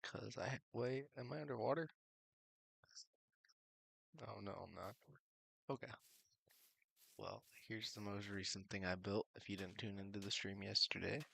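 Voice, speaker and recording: A man chatting casually while streaming a building game, relaxed and rambling, his voice slightly worn. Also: lowish voice, measured pace, vocal fry, pauses often, dry recording. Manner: relaxed, rambling, laughs softly to himself. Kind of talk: casual live-stream chat. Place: at home late at night. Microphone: desk mic with cord.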